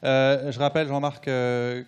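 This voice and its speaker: A man's voice: mid-range voice, level tone, measured pace, smooth, highs cut off. A tired man moderating a conference, hesitant and stumbling over his words.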